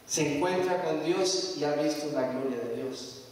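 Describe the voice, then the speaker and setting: A man's voice: on the high side, measured pace, darkish tone, a little hiss or hum. A man in his thirties, born in Mexico to Salvadoran parents, preaching a sermon and getting the congregation to repeat after him. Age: 30s. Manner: testimony with call-and-response to the congregation. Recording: echoey hall, picked up from far off.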